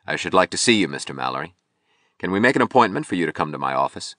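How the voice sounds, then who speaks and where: A man voicing a calm, deep-voiced architect. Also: fast talker, no echo, clean studio sound. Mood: calm businesslike. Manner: quiet, level, firm. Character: calm, self-assured male architect. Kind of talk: audiobook reading.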